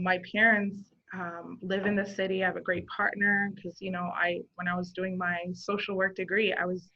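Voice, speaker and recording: A Zimbabwean woman in her thirties, appearing as a social worker guest in a casual interview, speaks earnestly in a lowish voice with a sharp edge. She thinks out loud and fills her speech with lots of fillers. The recording has a dull, lo-fi quality.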